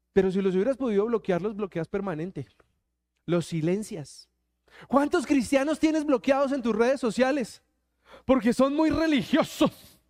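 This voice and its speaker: A man's voice: very high-pitched, darkish tone. A man preaching a sermon to his congregation, colloquial and joking as he speaks to them directly. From Colombia. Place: church.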